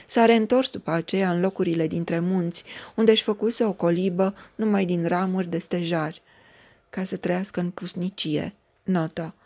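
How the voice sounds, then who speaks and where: A woman narrates an old legend for an audiobook with measured, dramatic storytelling. Her voice sits a little low and her pacing stays even and deliberate. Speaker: audiobook reader.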